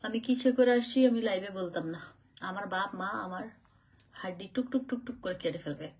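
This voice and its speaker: A woman's voice: medium pitch, fairly quick, a little mellow, slightly rough. Chatty woman streaming live. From Chittagong, Bangladesh. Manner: chatty, mixes English phrases, answers viewer comments. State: tired from travel. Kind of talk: casual live-stream chat.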